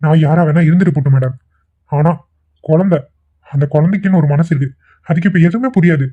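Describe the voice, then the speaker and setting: A man voicing a gentle young man in a cartoon who pleads earnestly and gets flustered. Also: a little high, fast talker, natural voice. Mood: pleading. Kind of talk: cartoon voice acting. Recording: tinny phone-like recording.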